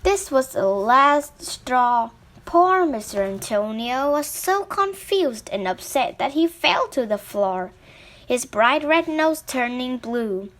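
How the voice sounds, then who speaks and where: A woman reads a children's storybook aloud as a storyteller. Her voice sits high, and she reads slowly and deliberately. Now and then she slips and restarts a word. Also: lively intonation, a bit bright. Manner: slow, deliberate reading with small slips and restarts.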